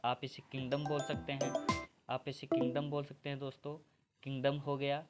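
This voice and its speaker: A man's voice: medium pitch, monotone, moderate pace, over loud music. Indian guy, step-by-step grammar lesson, keeps calling everyone friends. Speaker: English grammar teacher. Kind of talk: exam-prep grammar lesson.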